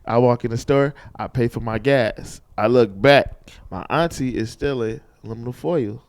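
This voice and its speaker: A man co-hosting a podcast, telling a story in animated, slangy casual chat and repeating himself as he goes. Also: medium pitch, moderate pace. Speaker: podcast co-host.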